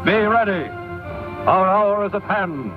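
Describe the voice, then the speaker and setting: A man's voice: high voice, expressive, slow. A man narrating an old 1930s newsreel in a formal, dramatic, proclaiming style. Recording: tinny band-limited 1930s newsreel with music. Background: loud music.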